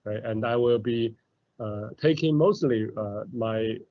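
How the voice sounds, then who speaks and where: A man's voice: fairly low pitch, unhurried, dry recording. A middle-aged man from mainland China, giving an academic lecture over a video call, hesitant and full of "uh" and "okay". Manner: hesitant, many fillers and "okay"s. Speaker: professor giving a talk. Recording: dull lo-fi video call audio.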